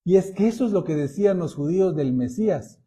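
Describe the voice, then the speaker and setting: A man preaching a Bible-teaching sermon, explaining verses in a deliberate way and calling his listeners brothers. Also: high-pitched, animated, warm tone, husky.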